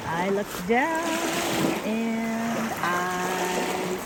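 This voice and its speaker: Slow-talking woman vlogging on a beach. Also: mid-range voice, heavy background noise. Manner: chatty and delighted, talking to her dog while searching. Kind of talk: casual vlog narration. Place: outdoors on a lake beach.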